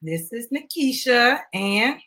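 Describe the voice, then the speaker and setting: With a high-leaning, expressive voice that sounds pushed and bright, an American mom of a young child talks slowly to viewers on her live stream. She founded a business and is using the casual broadcast to promote a children's book.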